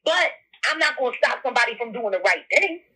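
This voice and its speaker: A woman's voice comes through a phone line, pitched high with a sharp, bright edge. She talks bluntly and swears freely, circling back to the same points as she presses them home. It sounds like a heated recorded phone conversation. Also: animated, quick pace, husky. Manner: blunt, profane, repeats herself for emphasis. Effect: heard over a phone line. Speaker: caller. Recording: phone call audio.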